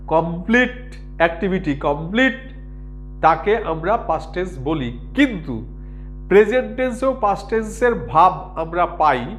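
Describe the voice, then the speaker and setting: High-voiced patient male teacher. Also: slight background noise. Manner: patient, repeats words and asks if students understand. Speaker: grammar teacher. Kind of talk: explanatory lesson.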